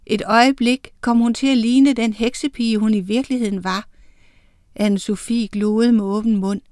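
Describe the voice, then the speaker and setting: Casting: woman narrator for a children's story, steady and clear, dry studio sound. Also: fairly high pitch, no echo. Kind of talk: storybook reading.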